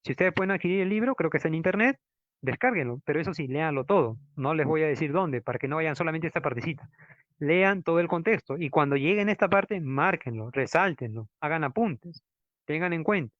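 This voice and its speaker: Male professor, fairly high voice, dry lo-fi sound. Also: animated, dry recording. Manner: didactic, frequent tag questions, stresses Latin words slowly. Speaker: law professor. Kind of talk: lecture with slides. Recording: dull, dry lo-fi lecture recording.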